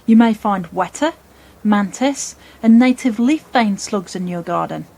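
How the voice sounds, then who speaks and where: A woman presenting scripted nature narration for children in a playful, expressive storytelling way. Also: medium pitch, unhurried, gravelly, rough recording.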